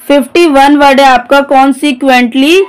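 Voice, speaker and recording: A woman's voice: high-pitched, flat delivery, slow pace. A woman teaching English vocabulary, spelling each word letter by letter and then explaining its meaning. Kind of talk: vocabulary lesson, spelling out words.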